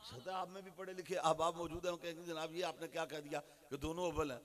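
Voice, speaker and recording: High-pitched preacher with a Pakistani Urdu accent. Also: male voice, fairly even intonation, fast talker. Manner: swings from hushed asides to loud rhythmic refrains. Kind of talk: sermon.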